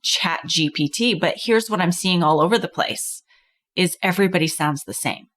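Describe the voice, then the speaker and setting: A woman's voice: lowish voice, moderate pace, fairly bright tone. A woman hosting a business coaching podcast, chatting casually and encouragingly with a guest. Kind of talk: casual interview chat.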